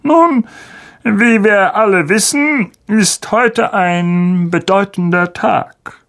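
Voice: mid-range voice, takes it slowly, a bit bright. A reader playing a pompous, self-important uncle who orders his family around. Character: pompous, bossy middle-aged uncle.

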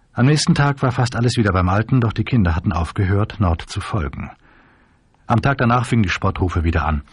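A man narrating an audiobook in a measured storytelling manner. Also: deep voice, breathy edge, dry recording, studio quality.

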